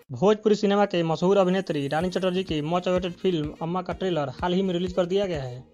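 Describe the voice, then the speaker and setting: A man's voice: high-pitched, darkish tone. A man narrating a scripted entertainment news voice-over, reading steadily from a prepared script.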